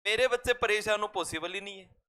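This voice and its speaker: A man teaches a math class in a chatty way, full of jokes and asides to his students. His voice sits high and sounds bright and forceful. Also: a little fast. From Rajasthan, India. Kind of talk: classroom lecture.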